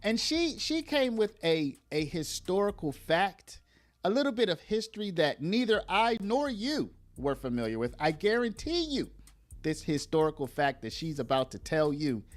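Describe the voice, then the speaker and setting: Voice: mid-range voice, sing-song, moderate pace. An online commentator talking casually to viewers in a chatty way, often saying "y'all".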